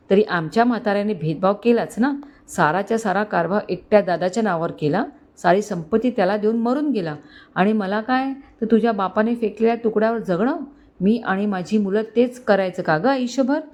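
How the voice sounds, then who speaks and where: A woman voicing a greedy, ruthless middle-aged uncle who shouts bitter threats in a storybook tale. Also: medium pitch, moderate pace, close to an everyday voice. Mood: furious. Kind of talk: storybook narration.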